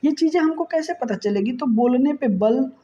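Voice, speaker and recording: A woman teacher walks through exam questions one by one, explaining each answer in a conversational, repetitive way. Her voice sits a bit high yet sounds warm and mellow. The recording is dull and lo-fi. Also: lively intonation, normal speed, slight background noise. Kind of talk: exam-prep lesson.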